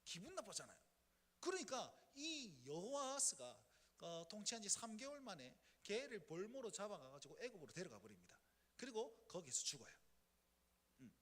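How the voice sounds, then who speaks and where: Animated Gyeongsang pastor preaching. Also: male voice, sits high, moderate pace. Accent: Gyeongsang Korean. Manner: animated storytelling, acting out scenes. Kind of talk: sermon. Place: church sanctuary. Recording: echoey church hall.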